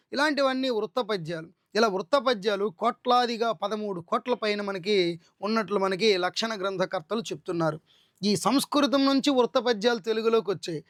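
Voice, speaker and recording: A man with a strikingly high voice leads an exam-prep lesson. He works through answer options and lists terms one by one, with frequent repetition. The sound is dry and close. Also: a bit bright, no room sound. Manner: addresses students directly, checking options. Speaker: Telugu literature teacher.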